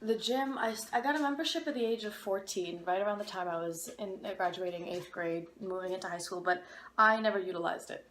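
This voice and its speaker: A woman in her twenties from Ukraine, candidly and reflectively telling her own story, pausing on fillers as she goes. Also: mid-range voice. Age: 20s. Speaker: interviewee. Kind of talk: personal testimony. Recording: echoey room, faint background noise.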